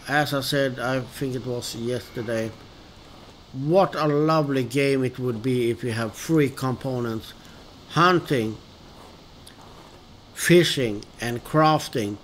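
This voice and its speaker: Slow, hesitant Swedish man. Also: medium pitch, slight background noise. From northern Sweden. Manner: hesitant and musing, many pauses and restarts. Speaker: gaming video host. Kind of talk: relaxed let's-play commentary.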